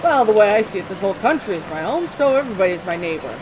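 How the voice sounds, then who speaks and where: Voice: medium pitch, sing-song, rapid-fire, lightly acted. A gamer voicing a cheerful folksy hobo man. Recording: rain noise behind.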